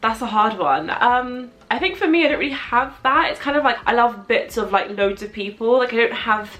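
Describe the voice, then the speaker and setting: A woman's voice: fairly high pitch, expressive, moderate pace, fairly bright tone. A young adult woman with a London accent chatting casually as she answers viewer questions, thinking aloud in a rambling way with frequent asides. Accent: London English. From London, England.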